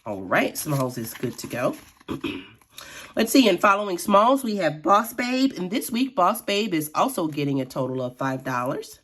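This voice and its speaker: A middle-aged woman with a raspy voice, chatting casually as she counts cash out loud. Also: fairly low pitch, big pitch swings, measured pace. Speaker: budgeting vlogger. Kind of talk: casual vlog narration.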